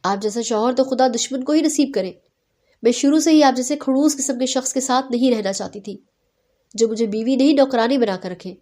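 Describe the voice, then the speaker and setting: A woman voicing a quarrelsome young bride who complains in shrill, dramatic outbursts. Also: warm tone, natural voice. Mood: defiant.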